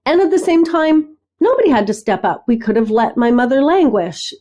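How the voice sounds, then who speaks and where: A middle-aged woman with a fairly high but mellow, warm voice. She talks as a podcast guest, telling lively stories and asking "right?" along the way. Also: fairly quick. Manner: animated storyteller, acts out dialogue, frequent "right?". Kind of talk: conversational interview.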